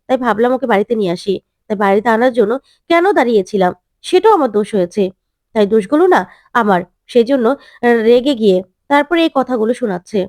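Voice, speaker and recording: A woman's voice: a little high, animated, fast talker, long pauses, darkish tone, no echo, clean studio sound, lightly acted. A woman voicing a teasing, self-assured young male doctor in a retold serial, rambling through his explanations.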